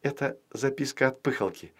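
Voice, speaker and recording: A man voicing a curious young girl in a children's audiobook, speaking in a hushed, wondering way. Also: mid-range voice, brisk, lightly acted.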